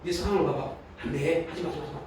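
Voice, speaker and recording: A male pastor voicing Satan, urging a believer to give up in hushed, dismissive tones. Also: on the high side, fairly even intonation, very fast, slight background noise, voice pushed down, natural voice. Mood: scoffing. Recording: echoey hall, distant mic.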